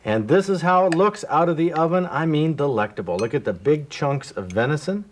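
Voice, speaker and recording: A man hosts a 1980s outdoors TV show, his voice swinging up and down with lively energy. He chats in a folksy, exclamatory way. There is a faint hiss of noise behind him. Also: a little high, a little fast. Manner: enthusiastic, exclamatory. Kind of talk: folksy on-air chat. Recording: 1980s TV broadcast audio.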